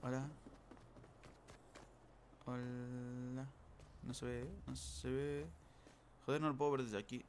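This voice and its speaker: Excitable man commenting on gameplay. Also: mid-range voice, slight background noise. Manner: excitable, talks to the viewers, repeats words rapidly. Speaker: gamer.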